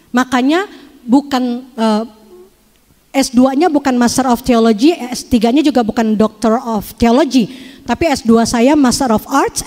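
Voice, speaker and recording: A woman gives a lively, joking testimony to an audience, speaking to them directly. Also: high voice. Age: 50s. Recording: long hall reverb.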